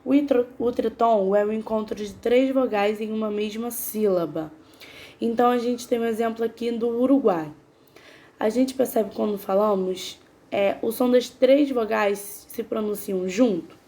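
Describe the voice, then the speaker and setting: A woman's voice: on the high side, mellow. A woman teaching a grammar lesson, patiently sounding out syllables one by one and asking her students questions. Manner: patient, spells out syllables slowly; asks the class questions.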